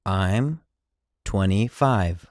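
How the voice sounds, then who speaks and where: Teacher voice for phrase drills: slow, chunked repetition, dry close sound. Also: low voice, expressive, darkish tone, dry recording. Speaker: language teacher.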